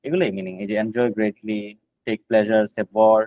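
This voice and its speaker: A man's voice: on the low side, fairly quick, no echo, highs cut off. A man teaching GRE vocabulary in a live online class, explaining each word in Bengali with English terms mixed in and repeating the words as he goes.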